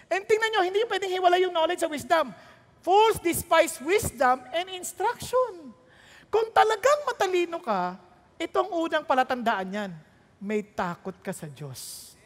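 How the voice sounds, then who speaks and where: A woman's voice: very high-pitched, expressive, unhurried, long reverb tail. A woman pastor preaching a sermon, throwing rhetorical questions and jokes at the congregation while mixing Tagalog and English.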